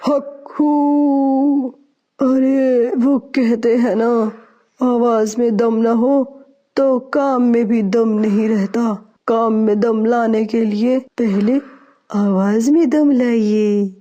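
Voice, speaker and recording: Woman doing a gruff old witch bird. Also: fairly even intonation, warm tone, muffled recording, close to an everyday voice. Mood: booming. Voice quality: deep mannish voice. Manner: slow, drawn-out incantations.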